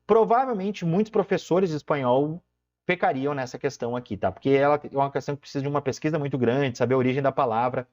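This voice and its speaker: A man's voice: medium pitch, quick pace, darkish tone. A man teaching an exam-prep Spanish lesson, explaining step by step and checking in with the viewer after each point. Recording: dull lo-fi sound.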